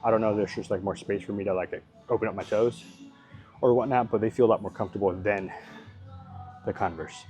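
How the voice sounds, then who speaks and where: Male fitness vlogger, low voice, loose unscripted talk over soft background music. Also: steady tone, brisk. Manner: rambling, thinks aloud, hedges and swears casually. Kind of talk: casual workout commentary.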